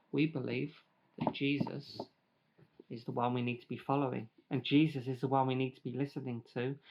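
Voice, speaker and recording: A man giving a lively children's church talk, playful and chatty, eating grapes as he speaks. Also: medium pitch, vocal fry. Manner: lively, playful, eats grapes while talking. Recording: dull lo-fi recording.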